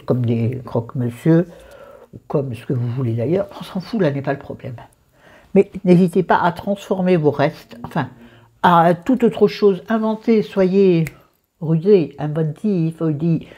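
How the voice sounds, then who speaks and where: A woman chatting her way through a home recipe demonstration in a dark, mellow tone with a husky grain. She wanders off into joking asides to herself, then drifts back to the steps. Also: deep voice. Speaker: cooking vlogger.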